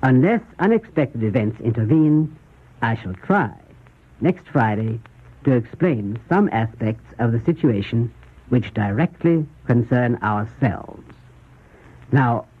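A man delivers measured, formal news commentary in 1930s radio style. His mid-pitched voice is rough and husky. The recording is narrow and tinny, like an old broadcast. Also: lively intonation. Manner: measured, formal, rhetorical questioning.

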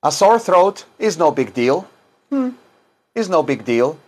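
In a small wood-paneled room, a middle-aged man who teaches English and calls himself a chaplain gives an informal lesson in both Spanish and English. His voice is slightly high, mellow and sing-song, and he speaks slowly, repeating phrases and dictating them one word at a time.

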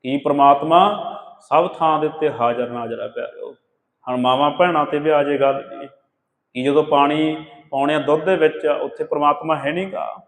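A man giving a sermon on scripture, asking rhetorical questions and chanting verses slowly. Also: fairly high pitch, steady tone. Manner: addresses listeners as beloved ones, rhetorical questions, chants scripture lines slowly. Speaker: katha preacher. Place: gurdwara hall. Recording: echoey hall with long reverb.

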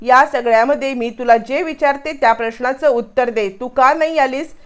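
A woman's voice: high-pitched, normal speed, a bit bright, clean tone. A woman reading the lines of a headstrong young bride who demands answers in a retold serial. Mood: confronting. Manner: demanding, confrontational.

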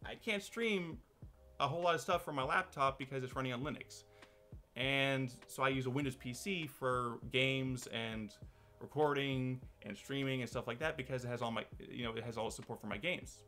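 Speaking at normal speed in a medium-pitched voice that sounds pushed and bright, a man offers casual commentary to camera on his own channel. His talk is loose and rambling, with frequent restarts.

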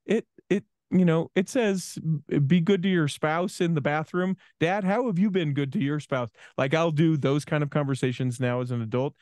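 A man in his forties talks things through on a podcast, pausing and restarting as he reflects. He sits at a studio mic, and the sound is dry and close with no room around it. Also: fairly high pitch, a little mellow, clean tone, dry recording. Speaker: podcast co-host. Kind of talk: casual conversational chat. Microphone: studio microphone with headphones.

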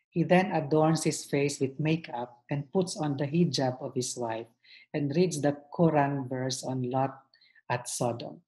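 Measured, scholarly middle-aged man reading. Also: a little high, a little mellow, poor audio. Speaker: moderator introducing artists. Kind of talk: formal scripted talk, read aloud. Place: lamp-lit room at home. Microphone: computer mic on video call.

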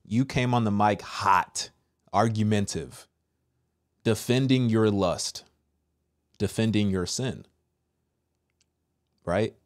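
A man's voice: fairly low pitch, slow, long pauses. A man in his thirties giving preachy reaction commentary into a close microphone, with rhetorical questions. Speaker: reaction video host. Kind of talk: commentary on a played video. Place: small indoor room. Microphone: close desk microphone with headphones.

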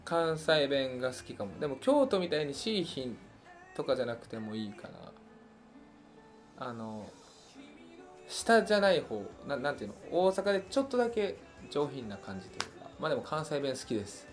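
A man's voice: mid-range voice, normal speed, faint music behind. A young man from Hiroshima with a Hiroshima accent, a singer hosting a fan livestream and chatting casually as he answers listener questions, musing aloud with frequent fillers. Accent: Hiroshima Japanese. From Hiroshima, Japan. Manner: relaxed and chatty, muses aloud with many fillers.

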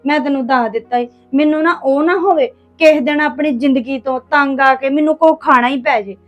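An earnest young woman, acted by a woman, pleading with a friend in a high voice. Soft music plays faintly behind her in an amateur family web drama. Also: brisk, dull audio, lightly acted. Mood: hurt. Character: young woman from a poor home, hurt by gossip.

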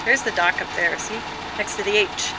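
A woman's voice: mid-range voice, moderate pace, heavy background noise. A middle-aged woman casually narrating a sailing vlog, pointing things out and exclaiming as she films herself outdoors on a sailboat at arm's length. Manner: chatty, exclaiming, tour-guide pointing things out. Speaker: sailing vlogger. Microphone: handheld camera or tablet at arm's length.

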